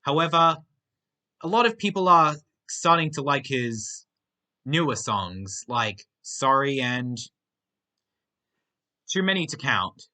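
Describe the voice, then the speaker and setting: Bright, lively young man. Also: mid-range voice, takes it slowly, pauses often. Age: young adult. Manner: reads out questions, then gives short plain answers. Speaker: channel host answering viewer questions. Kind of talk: casual Q&A monologue.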